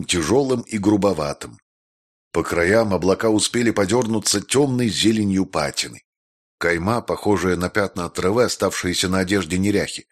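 A man narrating an audiobook, reading the prose and acting out the characters' voices. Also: low-pitched. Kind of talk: scripted narration.

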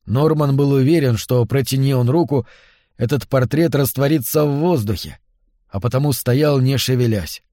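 A man narrating a novel as an audiobook, in a measured, even reading. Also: medium pitch, no echo, clean studio sound. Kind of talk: scripted literary narration.

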